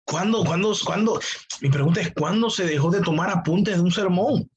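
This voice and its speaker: Brief: husky, fairly high-voiced male pastor, emphatic teaching sermon. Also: normal speed, lo-fi sound. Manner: emphatic, rhetorical questions.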